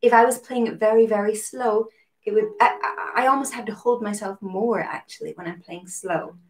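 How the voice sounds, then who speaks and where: A woman gives a relaxed, encouraging harp lesson over a live stream. She explains technique patiently and reads out viewer questions as they come in. Harp playing is heard behind her voice. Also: medium pitch, moderate pace. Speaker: harp teacher.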